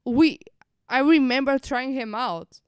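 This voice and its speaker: This streamer's voice sits high yet sounds darkish, clear and resonant, and she talks at a slow pace. Reacting to a game livestream, she thinks aloud in a rambling way with repeated phrases, recorded cleanly in a studio with no room sound.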